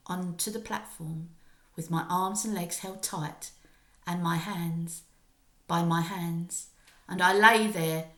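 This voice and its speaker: Like a primary school teacher, a woman reads a children's story aloud with expressive, emphatic, dramatic narration. Her voice is mid-range and the sound is reverberant.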